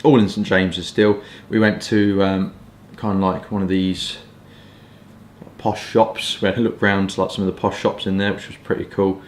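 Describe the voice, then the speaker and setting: At normal speed and with a flat delivery, a low-voiced pipe and cigar vlogger from southeast England, in his twenties, chats casually and rambles through hedging asides. The setting is a small furnished room at home, with an echoey sound and some background noise.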